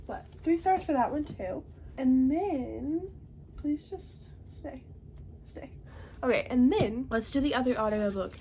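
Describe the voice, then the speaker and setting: A congested-sounding young woman chats about books she read, a chatty reviewer who often tacks "okay?" onto her comments. Her voice is a little high with a darkish tone, and a little hiss or hum sits in the recording.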